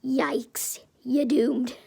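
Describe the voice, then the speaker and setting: Woman narrator, fairly high, mellow, loose playful storytelling. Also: fairly even intonation, extremely slow, creaky, breathy edge. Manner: rambling, playful. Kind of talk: casual fan story narration.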